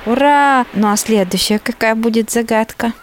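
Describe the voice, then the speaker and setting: A woman's voice: fairly high pitch, normal speed, slight background noise. A woman co-hosting a children's radio show, explaining things in a reassuring way. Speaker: co-host.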